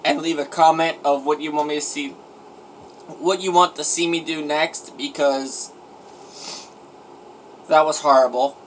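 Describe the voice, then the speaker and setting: At home, a vlogger films himself on a phone doing an eating challenge, groaning and complaining with exaggerated self-pity as he eats. His voice sits on the high side, and the audio is poor with slight background noise.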